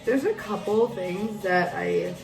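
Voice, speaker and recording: A woman's voice: medium pitch, takes it slowly, gravelly. A woman in her twenties, drunk and giggly, chatting casually and effusively with a friend, rambling and swearing freely. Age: 20s. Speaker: vlogger doing a drinking makeup challenge. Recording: echoey room, music behind.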